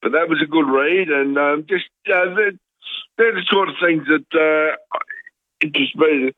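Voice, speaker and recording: A man's voice: fairly high pitch, normal speed, dry recording. An Australian man in his fifties calling a radio show through a bluetooth headset mic, chatting casually and rambling with hesitant ums and restarts. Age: 50s. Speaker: radio caller. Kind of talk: casual call-in chat. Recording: tinny dry phone line.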